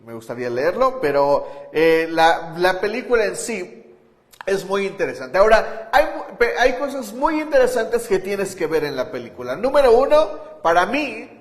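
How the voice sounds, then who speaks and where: High-voiced preacher in an echoey hall. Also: male voice, sing-song, normal speed. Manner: conversational preaching with rhetorical questions to listeners. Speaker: pastor. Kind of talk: sermon. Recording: echoey hall with long reverb.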